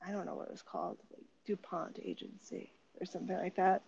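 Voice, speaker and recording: A woman's voice: fairly low pitch, quick pace, creaky, a little hiss or hum. A middle-aged woman from Detroit, a guest telling stories in a casual interview, laughing and acting out voices as she goes. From Detroit, United States. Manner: animated, laughing, acts out voices in her stories. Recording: dull, lo-fi and dry.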